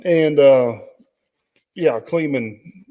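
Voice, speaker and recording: A man's voice: medium pitch, very slow. A man hosting a casual live stream, rambling with many fillers and reading out viewer comments. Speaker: host. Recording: dull audio with long reverb.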